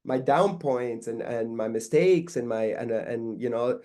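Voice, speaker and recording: A middle-aged man from Peru chats as an interview guest. He talks in a relaxed, meandering way, full of fillers and restarts. His voice sits at an ordinary middle pitch. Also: unhurried. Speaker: guest artist. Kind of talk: casual interview talk.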